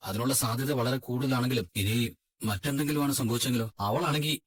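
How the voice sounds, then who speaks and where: Man voicing a take-charge guy giving orders, husky, talks really fast. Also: mid-range voice, natural voice. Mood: urgent. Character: calm, take-charge young husband. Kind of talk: amateur drama dubbing.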